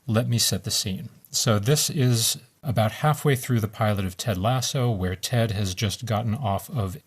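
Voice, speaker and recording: Male podcast co-host with a fairly low voice, measured and explanatory. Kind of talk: explaining screenwriting, reading script scenes.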